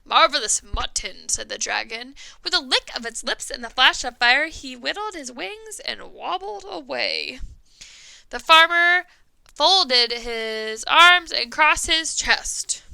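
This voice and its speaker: A woman's voice: high voice, sing-song, slow, gravelly, sharp tone, no echo, low-quality recording. A woman music teacher reading a story to young children with lots of expression, singing the refrain and asking them questions.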